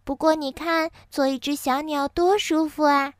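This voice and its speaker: A woman's voice: high-pitched, fairly even intonation, moderate pace, no echo, studio quality, voice pushed up, close to an everyday voice. A woman voicing a kind but clumsy female fairy who speaks sweetly and apologetically. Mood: sweet coaxing.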